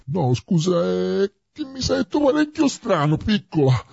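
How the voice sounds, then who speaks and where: A man's voice: sits high, big pitch swings, measured pace, creaky, a little mellow, husky, no echo, exaggerated voice. A man voicing a crude, flustered male toad who turns into a paunchy middle-aged man, in a dry, dull lo-fi recording.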